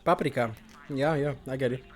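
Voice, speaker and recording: A man streaming a video game, making loud, rambling casual asides. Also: medium pitch, fairly quick, soft background music. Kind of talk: casual chat over gameplay.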